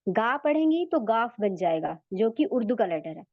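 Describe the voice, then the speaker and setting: A woman teaching a recitation lesson, explaining the sounds and repeating them slowly for her learners. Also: fairly high pitch, big pitch swings, no echo, phone-quality sound. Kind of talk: tajweed lesson.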